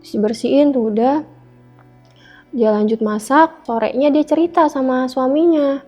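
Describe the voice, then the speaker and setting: A woman's voice: sits high, normal speed, warm tone. Storytelling woman. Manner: re-enacts dialogue, filling speech with "gitu". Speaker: interviewee telling a personal story. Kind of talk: emotional first-person storytelling. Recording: dull lo-fi sound with faint background music.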